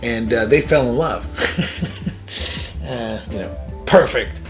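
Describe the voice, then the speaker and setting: A man's voice: medium pitch, animated, slow, soft background music. A man from Iran, hosting his own show in a casual, rambling monologue, full of fillers and restarts, with small chuckles between thoughts. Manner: rambling, filler-heavy, self-interrupting. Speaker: podcast host.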